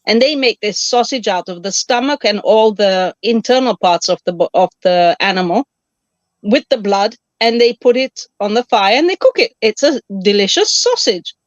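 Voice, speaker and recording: A woman's voice: medium pitch, animated, normal speed, no echo. A woman from Kenya in a casual chat, eagerly explaining things and talking over others. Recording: dull, dry lo-fi call audio.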